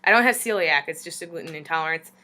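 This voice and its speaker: A woman's voice: deep voice, expressive, fast talker, background noise. A young American woman chatting casually to camera in a candid, self-deprecating, rambling way. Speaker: vlogger giving a jaw treatment update.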